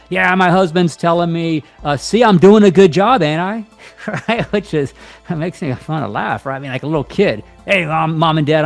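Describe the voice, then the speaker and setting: Blunt man talking casually, music faint behind. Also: medium pitch. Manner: blunt, conversational, mixes in asides and quick mock voices. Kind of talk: casual monologue to camera.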